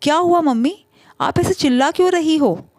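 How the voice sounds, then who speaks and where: A woman's voice: high-pitched, expressive, moderate pace, darkish tone, no echo, studio quality, voice pushed up. A woman voicing a puzzled young husband who questions his wife in a mild tone.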